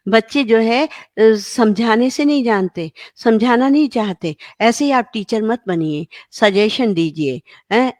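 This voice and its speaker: Brief: middle-aged woman, parenting educator, animated delivery, dry close mic. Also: medium pitch, dry recording. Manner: lively, acts out parents and children in quoted voices. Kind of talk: parenting talk to camera.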